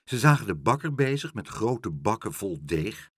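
A man reading a children's book aloud, animated, switching into character voices. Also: fairly low pitch, normal speed, slightly rough, dry recording, studio quality. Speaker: storyteller.

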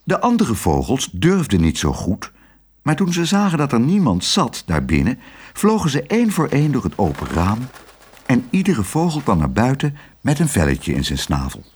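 A man reads a children's story aloud, his pitch rising and falling with great animation. His voice is husky and breathy, with an expressive, storytelling lilt. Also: normal speed. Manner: lively, expressive reading.

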